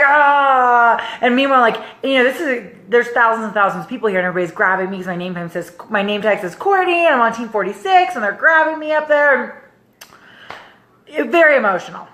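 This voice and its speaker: Chatty young woman, echoey room. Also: a little high. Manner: animated, chatty, acts out others' voices. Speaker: life coach. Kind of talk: casual storytelling to camera.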